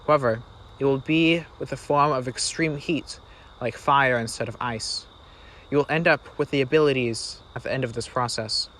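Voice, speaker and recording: A man acts out a young sister with magical powers in fireside storytelling. The delivery is assured and explanatory, at a middle male pitch, over faint background noise. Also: normal speed, a bit bright, lightly acted, rough recording. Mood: calm, assured. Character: young sister, calm, confident, explaining her new magic.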